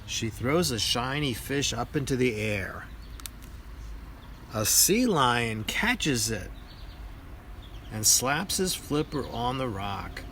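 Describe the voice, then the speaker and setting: An older man with a grandpa voice reads a children's picture book aloud in a deliberate storytelling manner. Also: mid-range voice, lively intonation, bright, forceful tone, a little hiss or hum.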